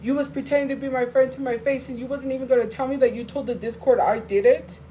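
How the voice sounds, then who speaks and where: A woman's voice: high voice, fairly even intonation, fast talker, mellow, a little hiss or hum, rough recording. A woman on a phone live stream, venting and defending herself to her viewers in a casual, heated way.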